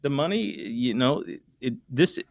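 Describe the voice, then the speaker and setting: A man's voice: mid-range voice, expressive, a little slow, dry recording, studio quality. A middle-aged American man, an estate planning attorney, explaining a topic to listeners in an emphatic monologue full of rhetorical questions. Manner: emphatic, talks directly to listeners; works through numbers out loud, rhetorical questions.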